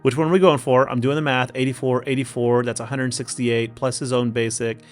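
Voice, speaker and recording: A man's voice: medium pitch, flat delivery, fairly quick. A man with an Oklahoma accent giving casual strategy commentary as host of a gaming video, talking to himself in a folksy way. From Oklahoma, United States. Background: music.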